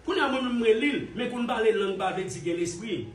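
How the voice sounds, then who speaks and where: Haitian guy ranting online, mocking and repetitive, kinda high voice, far off the mic. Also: lively intonation, moderate pace. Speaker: commentator. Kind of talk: heated online commentary. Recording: roomy echo, distant from mic.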